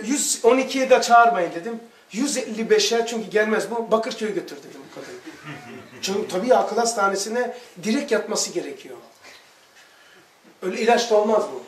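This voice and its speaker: Male religious teacher, high voice, animated storyteller, recorded from a distance in an echoey room. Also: normal speed. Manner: animated, acts out dialogue in quotes. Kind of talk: lively storytelling lesson.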